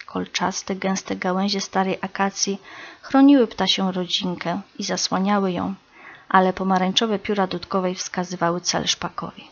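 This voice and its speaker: A woman narrating a children's story in a gentle, expressive way. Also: fairly low pitch. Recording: slightly dull recording.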